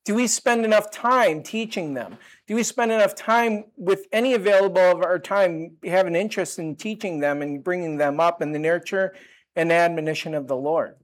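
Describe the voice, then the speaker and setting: An older man giving a sermon, talking in a relaxed conversational way with asides and restarts. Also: high voice, moderate pace. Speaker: pastor.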